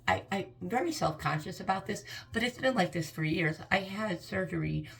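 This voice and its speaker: A woman's voice: mid-range voice, lively intonation, moderate pace, vocal fry, rough recording. A woman in her fifties speaking candidly and earnestly to camera in a personal vlog. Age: 50s. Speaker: vlogger.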